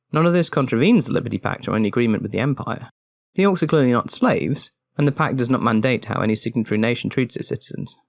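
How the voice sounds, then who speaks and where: A man reading scripted game lore aloud as a volunteer narrator, in a steady, even storytelling manner. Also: lowish voice, gravelly, no echo, studio quality. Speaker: volunteer reader.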